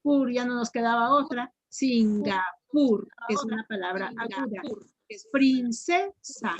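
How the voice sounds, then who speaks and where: A woman teacher with a Mexican accent tutoring grammar online, repeating answers and sounding words out slowly syllable by syllable. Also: fairly high pitch, fairly bright tone, muffled recording. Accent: Mexican Spanish.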